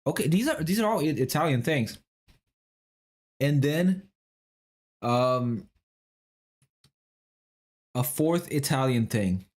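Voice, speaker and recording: A man's voice: fairly high pitch, expressive, takes it slowly, pauses often, a little mellow. A young man streaming, casually thinking aloud through a word puzzle, muttering guesses, swearing now and then and asking his chat whether he's right.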